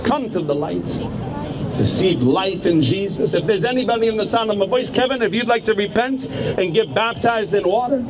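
High-voiced male street preacher. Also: moderate pace. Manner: urgent, repetitive exhortation with hallelujahs. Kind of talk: open-air street preaching. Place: busy city street outdoors. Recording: loud street noise. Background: traffic and street noise.

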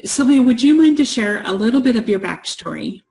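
A woman's voice: a little high, lively intonation, a little fast, creaky, rough recording. Encouraging older woman hosting on a webcam. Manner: warm, encouraging, affirming. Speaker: interview host. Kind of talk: supportive interview conversation. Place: indoors, home room. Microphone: video call webcam.

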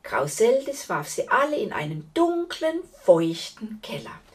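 A woman reading a fairy tale aloud to children in an expressive way, talking to her listeners directly. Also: fairly high pitch, a little slow, recorded from a distance. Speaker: storyteller.

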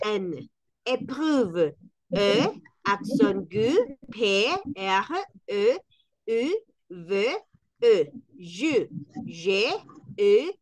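Leading a spelling contest in her class, a woman who teaches French spells each word letter by letter in a patient, encouraging way. Her voice is fairly high and fairly bright, with no echo.

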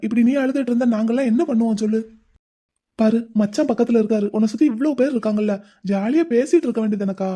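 A woman's voice: a little high, mellow, slightly rough. A woman voicing a caring, playful young man in a cartoon, coaxing and teasing his crying older sister in a chatty way. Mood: pleading. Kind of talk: Tamil cartoon voice acting.

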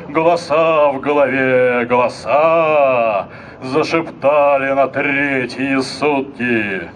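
A middle-aged man reciting poetry as dramatic declamation, with measured, deliberate phrasing and repeated refrains, speaking into a handheld microphone outdoors. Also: a little high, a little hiss or hum. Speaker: poet reciting at an outdoor reading. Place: outdoor stage area in a forest. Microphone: handheld microphone through speakers, filmed from a distance.

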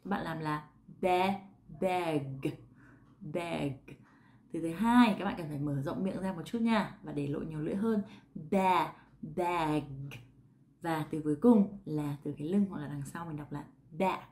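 A woman with a Vietnamese accent teaching English pronunciation, repeating sounds slowly and clearly and asking viewers questions. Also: sits low, dark tone. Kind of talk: casual pronunciation lesson.

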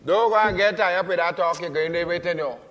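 A man's voice: sits high, fast talker, a bit bright, big-room sound. A man playing a joking Trinidadian man in a comedy sketch, teasing and mocking in a Trinidadian accent. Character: teasing Trinidadian man meeting his girlfriend. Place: airport car park outdoors.

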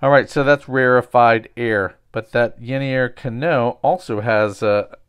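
A man's voice: medium pitch, unhurried, fairly bright tone, clear, resonant tone. A man hosting a casual card-opening show, joking and rambling as he names each card. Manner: jokey, rambling, trades banter with viewers.

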